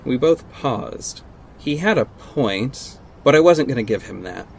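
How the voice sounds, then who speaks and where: An actor leads a superhero audio drama as a guarded, sardonic costumed vigilante, heartbroken and stubborn, delivering first-person narration and dialogue. His gravelly, mid-pitched voice has lively intonation, and he sounds wry and brooding, measured, terse and exasperated. Noisy ambience sits behind him.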